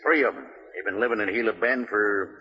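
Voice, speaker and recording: A man's voice: on the low side, brisk, close to an everyday voice. A man playing a folksy, plain-spoken sheriff in an old radio Western. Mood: matter-of-fact. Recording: muffled vintage radio recording.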